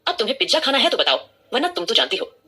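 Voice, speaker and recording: A woman's voice: sits high, sing-song, very fast, sharp tone, slightly rough, faint music behind, voice pushed up, heavily acted. A woman voicing a cheeky young woman who teases her friend playfully in an audio drama. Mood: teasing. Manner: teasing, playful.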